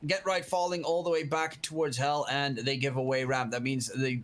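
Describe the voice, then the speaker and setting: A man giving excitable live play-by-play esports commentary on a shooter match, building in intensity at key moments. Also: medium pitch, normal speed. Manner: excitable, rising to shouts at key plays. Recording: clear background noise, clicks.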